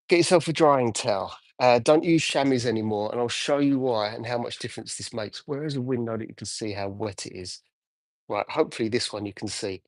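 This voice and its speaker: A man talks casually through a live car-detailing stream, reading out and answering viewers as he goes. His voice sits in a plain middle pitch and sounds dry, with no room around it, though he drifts off the mic now and then as he moves around the car. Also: no room sound. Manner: chatty, answers viewer comments while washing a car. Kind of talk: casual live-stream chat while working.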